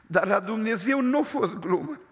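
An older man preaching a storytelling sermon, stressing his words by slowing down. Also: high voice, animated, breathy edge. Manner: emphatic, slows words for stress. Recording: long reverb of a large hall.

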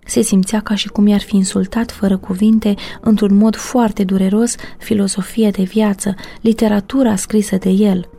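Style: mellow female audiobook narrator. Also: medium pitch, level tone, vocal fry, few pauses.

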